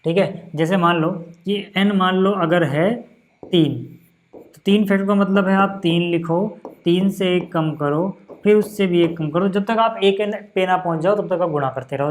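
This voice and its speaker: A young man teaching a casual maths lesson, patient and chatty, checking in often and slowing down to count out each step. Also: sits high, fairly even intonation. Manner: slows down to count out steps.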